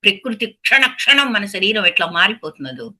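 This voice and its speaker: A woman's voice: medium pitch, expressive, moderate pace, bright, forceful tone. A woman giving a spiritual talk as a meditation teacher, who asks her listeners rhetorical questions and repeats phrases for emphasis. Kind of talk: spiritual discourse.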